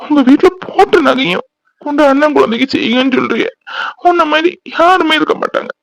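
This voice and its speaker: Male actor as a worried young cartoon husband, high-pitched, pleading, dry studio sound. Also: brisk, dry recording, lightly acted, low-quality recording. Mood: tearful. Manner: fretful, pleading. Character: young worried husband, soft-hearted and remorseful.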